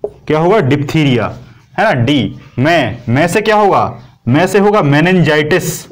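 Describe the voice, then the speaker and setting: Higher-pitched man teaching a class. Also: expressive, a little slow. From India. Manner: repetitive, asks and answers own questions. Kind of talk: coaching class lecture.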